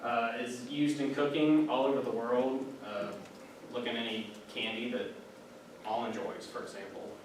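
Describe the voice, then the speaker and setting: This young man is giving a class speech in a casual, talkative style, sprinkled with fillers and tangents. His voice is medium in pitch, steady in tone, and normal in speed. Background noise, room echo, and a far-off mic mark the recording.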